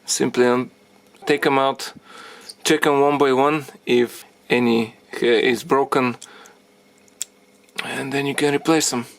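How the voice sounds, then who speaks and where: A man explaining a car repair as he works on it, thinking aloud in halting phrases and getting out of breath from the effort. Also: medium pitch, fairly even intonation, gravelly. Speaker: DIY car repair presenter. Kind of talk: hands-on repair tutorial.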